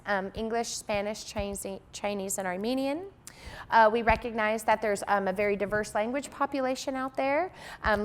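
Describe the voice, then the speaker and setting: A woman's voice: mid-range voice, a little hiss or hum. An American woman giving an informal spoken presentation as a training presenter. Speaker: presenter of a provider training session.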